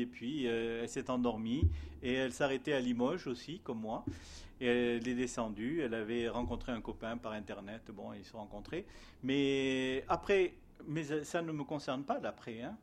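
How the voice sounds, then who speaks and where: A man's voice: medium pitch, a little hiss or hum. Earnest man telling a faith story. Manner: hesitant storytelling with frequent fillers; earnest, exhorting. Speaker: preacher giving a testimony. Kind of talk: spoken testimony and sermon.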